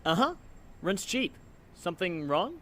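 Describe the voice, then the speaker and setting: A man's voice: high voice, sing-song, a little slow, sharp tone, slight background noise, heavily acted. A man voicing an earnest, self-doubting and wry young superhero in a comic book dub, with theatrical delivery. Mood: wry, breezy.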